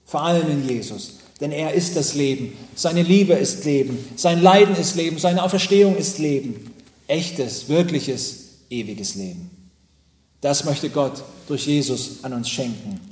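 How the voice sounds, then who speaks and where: A man's voice: fairly high pitch, a little mellow. Preaching man in an echoing church. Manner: storytelling with dramatic pauses and emphatic repetitions. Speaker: pastor. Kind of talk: sermon. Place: church with pulpit. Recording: echoey church hall.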